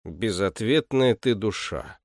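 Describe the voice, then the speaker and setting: A man voicing a stern, weary male household butler who speaks curtly in a lowered voice. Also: expressive, takes it slowly, no room sound, studio quality. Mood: gruff. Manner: gruff, curt, lowered voice. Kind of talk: audiobook character reading.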